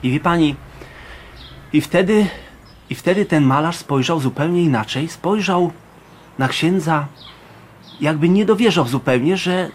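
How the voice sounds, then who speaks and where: A man's voice: fairly high pitch, measured pace, pauses often, a little hiss or hum. A man as a guest recounting a story in casual speech, rambling with fillers and restarts. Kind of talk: casual spoken recollection.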